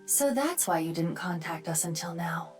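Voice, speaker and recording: A woman voicing a sharp-tongued, analytical investigator in a game, matter-of-fact and dry. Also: lowish voice, animated, moderate pace, faint music behind, lightly acted. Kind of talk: scripted game acting.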